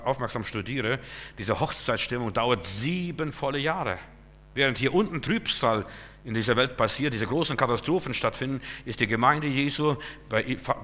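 A man preaching a sermon in a lively, emphatic way, swinging between loud bursts and quiet asides. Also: mid-range voice. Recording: long hall reverb.

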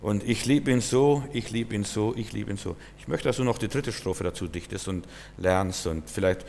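A man's voice: lowish voice, normal speed, creaky, a little mellow, a little hiss or hum. A man preaching a sermon in German, earnest and repetitive, speaking straight to the listener. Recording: long reverb, hall.

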